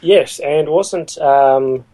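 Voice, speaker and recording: A man chatting casually as a podcast co-host, speaking in a hesitant, halting way with many fillers. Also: on the high side, mellow, rough recording. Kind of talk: casual chat about films.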